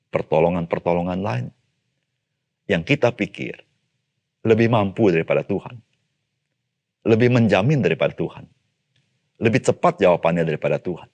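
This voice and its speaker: A man giving a devotional sermon as a pastor, speaking straight to his listeners, calling out some phrases loudly and dropping others low and quiet. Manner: addresses listeners as "Saudara"; swings between raised, emphatic calls and low, quiet asides.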